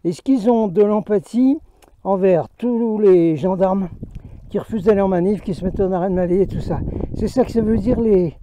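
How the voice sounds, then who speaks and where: A man's voice: high voice, normal speed, warm tone, slight background noise. A middle-aged man vlogging outdoors at a mountain pass, ranting sarcastically and slipping into mock English. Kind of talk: rambling outdoor political vlog.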